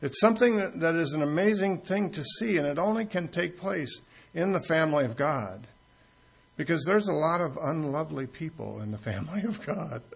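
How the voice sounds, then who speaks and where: With lively intonation and a fairly high, gravelly voice carrying a breathy edge, a man preaches at a normal pace in church. He teaches from scripture, tells stories, and jokes conversationally with the congregation.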